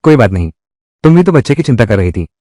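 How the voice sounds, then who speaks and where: A man dubbing a kind, modest young village man who talks in a calm, reassuring way. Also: medium pitch, fast talker, no room sound, clean studio sound, natural voice. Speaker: dubbing actor. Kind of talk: Hindi dub of a short drama.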